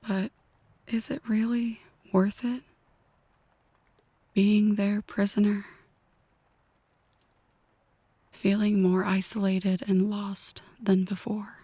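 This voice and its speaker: A woman playing a possessive, brooding mafia boss in an ASMR roleplay, speaking in a breathy whisper, deliberately and intimately to one listener. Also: mid-range voice, mellow, dry recording. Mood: somber, seductive.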